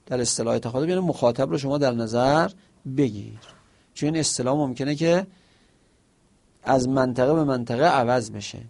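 A man's voice: medium pitch, vocal fry, a little mellow. A man teaching a seminary lesson. He explains with examples, asks himself questions and quotes short Arabic phrases. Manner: quotes Arabic phrases within Persian speech.

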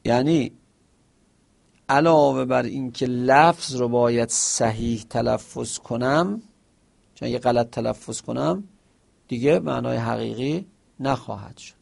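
Speaking with vocal fry at a medium pitch, a man gives a seminary lesson, explaining with examples and asking himself questions. His Persian speech is sprinkled with brief Arabic quotations.

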